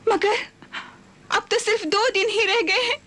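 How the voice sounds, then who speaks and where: An actress playing a terrified young princess who wails and cries out for help. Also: female voice, very high-pitched, fairly even intonation, a little slow, pushed and bright, full character voice. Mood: anxious. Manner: wailing, crying out for help. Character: terrified young princess, shrinking under a curse. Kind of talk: 1990s TV fantasy drama acting.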